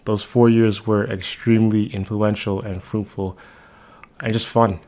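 Podcast host, twenties, from the Bahamas, lowish voice, easygoing and chatty. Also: male voice, measured pace. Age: 20s. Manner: relaxed, conversational, with frequent fillers. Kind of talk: solo podcast introduction.

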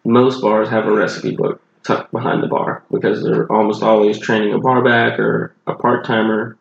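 A man's voice: on the low side, level tone, normal speed, vocal fry, echoey room, dull audio, noisy background. A man with a Southern accent and a groggy voice, a bartender co-hosting a podcast and rambling casually about his work. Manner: rambling, loose, swears casually. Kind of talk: casual chat.

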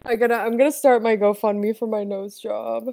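A woman's voice: on the high side, fairly even intonation, dark tone, dry recording. Playful woman podcast co-host. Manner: playful, quick to laugh. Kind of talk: casual comedy podcast chat.

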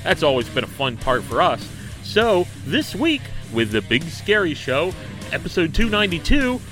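A male podcast host talks in a casual, rambling way. His voice sits fairly high and moves up and down in a lively manner, with music playing clearly behind him. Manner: rambling, conversational. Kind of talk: casual show rundown.

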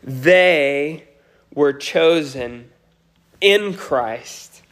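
A man's voice: a little high, animated, drawn-out words, fairly bright tone. A pastor giving a Sunday sermon, his voice nasal today, speaking earnestly with frequent restarts. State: nasal from a cold.

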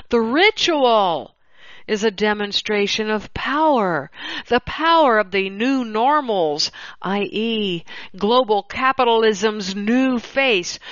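Slow, dull-sounding woman reading aloud. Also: a little high, a bit bright, no echo. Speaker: host reading an article aloud. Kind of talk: reading an opinion article aloud. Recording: dull, slightly lo-fi dry recording.

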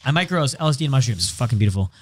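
A man's voice: medium pitch, lively intonation, very fast. A man hosting a podcast in casual banter, brash and joking with his guests, swearing freely. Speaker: podcast host.

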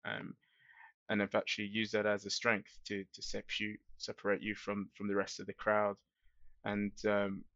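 A man speaking softly and hesitantly with many fillers, a podcast guest in casual discussion. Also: lowish voice, dry recording. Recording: dull, dry lo-fi sound.

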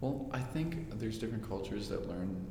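A man's voice: lowish voice, animated, normal speed, dark tone. A young man co-hosting a casual, candid chat in a very echoey, hard-walled room. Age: young adult. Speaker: podcast co-host. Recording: very echoey room, faint noise.

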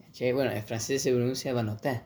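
A man's voice: a little high, normal speed, a little mellow. A man with a Chilean Spanish accent, co-hosting a casual chat with joking, slangy banter. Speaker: podcast co-host.

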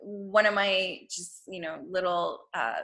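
A woman's voice: fairly low pitch, slow pace, fairly bright tone. A woman guest on a podcast talking casually and earnestly about spirituality, with many fillers and restarts. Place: at home.

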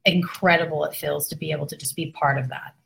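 A woman's voice: low voice, steady tone, quick pace, creaky, fairly bright tone. A woman hosting a podcast, encouraging and agreeing with her guest in casual chat. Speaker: podcast host, trainer.

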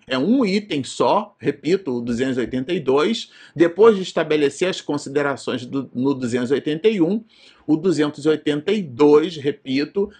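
A man's voice: a little high, darkish tone, breathy edge. A man with a Brazilian Portuguese accent teaching an informal study lecture, digressing often and tagging his sentences with fillers. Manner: digressive, frequent filler tags and restarts. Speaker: presenter of a spiritist study program.

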